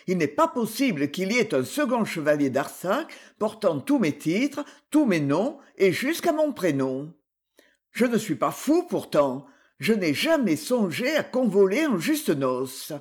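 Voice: mid-range voice, sing-song. A reader putting on a haughty indignant nobleman. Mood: puzzled. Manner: haughty, quick to outrage. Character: proud indignant nobleman, adult man. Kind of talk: audiobook character voice.

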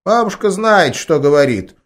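A man's voice: sits high, sing-song, moderate pace, voice pushed up. Man voicing a stern old village healer grandmother. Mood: fussing. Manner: fussy, commanding folk speech.

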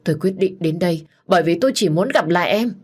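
A woman's voice: on the low side, quick pace, breathy edge. A woman voicing an anguished young male gang boss who pleads and speaks bitterly, as an audiobook character.

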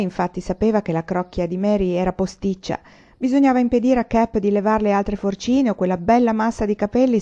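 A woman reading a novel aloud in a steady, measured way. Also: mid-range voice. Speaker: audiobook reader. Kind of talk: audiobook reading. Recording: muffled lo-fi recording.

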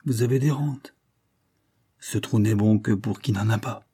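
A man reading the part of an old noble father who speaks gravely but gently. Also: on the low side, unhurried.

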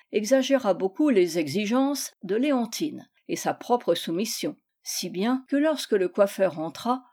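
A woman reading a classic children's novel aloud in a measured, expressive storytelling manner. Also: mid-range voice. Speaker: reader. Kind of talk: scripted narration.

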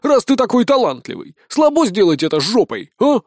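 A man voicing a fat, greedy young army private in an audiobook, loud, whiny and heckling. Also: sits high, big pitch swings, normal speed, dry recording, studio quality, pitched above the performer's own voice, exaggerated voice. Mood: indignant.

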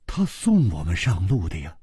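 A storyteller puts on a calm young hero who teases his friends at an unhurried pace. His voice is slightly husky and dry, with lively rises and falls. It is narrated for storytelling radio. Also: deep voice, dry recording, voice pushed down, full character voice. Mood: amused. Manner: unhurried, teasing, chuckling.

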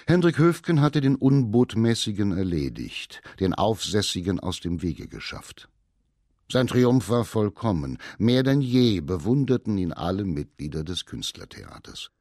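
A man reading a novel aloud for radio in a measured, deliberate way. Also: on the low side, very animated, darkish tone, no room sound, studio quality. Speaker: narrator.

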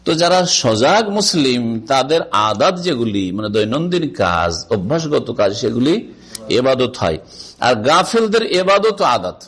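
A man's voice: mid-range voice, sing-song, normal speed, fairly bright tone, breathy edge. A middle-aged man giving a religious lecture on hadith, explaining with rhetorical questions and reciting Arabic passages. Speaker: Islamic scholar teaching hadith.

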